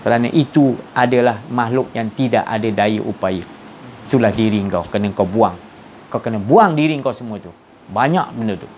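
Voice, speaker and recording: A man giving an informal religious talk, telling stories with lively sound effects. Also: fairly low pitch, normal speed, slight background noise. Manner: animated storytelling with sound effects. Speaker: religious teacher.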